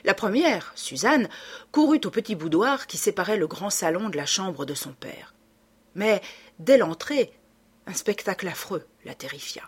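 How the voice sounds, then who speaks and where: A woman reading a novel aloud as scripted narration, with dramatic, lively storytelling. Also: mid-range voice, moderate pace, husky. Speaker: audiobook reader.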